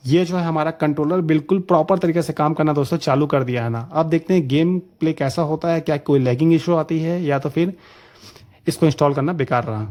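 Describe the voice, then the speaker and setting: A man casually talking viewers through a gaming setup tutorial, chatty and excited, calling them friends. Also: fairly high pitch, a little fast. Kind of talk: casual screen-recorded tutorial commentary.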